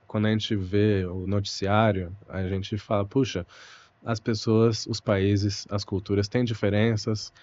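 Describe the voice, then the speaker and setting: This young Brazilian Portuguese teacher has a fairly low, slightly mellow voice with little pitch movement, and the highs in the audio are cut off. Guesting in a relaxed interview, he speaks thoughtfully and unhurriedly, often using "né" and "puxa."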